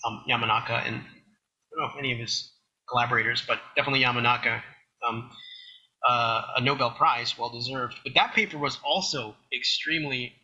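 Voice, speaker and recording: A man's voice: mid-range voice, fairly even intonation, brisk, sharp tone, highs cut off. A man presenting at a science journal club, talking casually with frequent restarts. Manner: rambling, many restarts.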